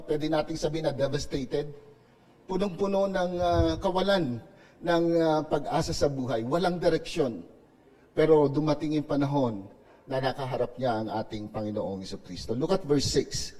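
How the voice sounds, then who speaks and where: Filipino pastor preaching, mellow and distant. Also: male voice, a little high. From Philippines. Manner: preaching in Tagalog mixed with English, frequent tag "no?". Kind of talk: sermon. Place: church sanctuary.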